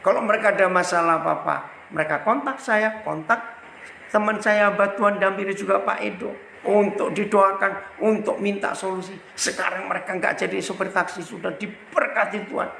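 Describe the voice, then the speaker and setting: An older man from Indonesia preaching as an evangelist, telling a story with lively acted-out dialogue. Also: high-pitched, normal speed, creaky, reverberant, a little hiss or hum, rough recording. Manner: animated, acts out both sides of conversations. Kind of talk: sermon storytelling.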